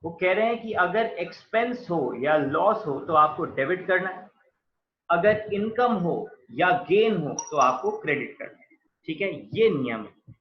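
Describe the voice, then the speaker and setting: A man's voice: high voice, lively intonation, unhurried. A man giving a patient classroom lecture on accounting. He talks to his students as "beta" and writes on a board as he speaks. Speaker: accounting teacher. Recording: echoey dull lo-fi room sound.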